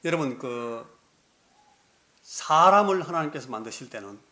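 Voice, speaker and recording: A man's voice: mid-range voice, animated, measured pace, sharp tone. A male pastor preaching a sermon, telling the story vividly and acting out the scenes.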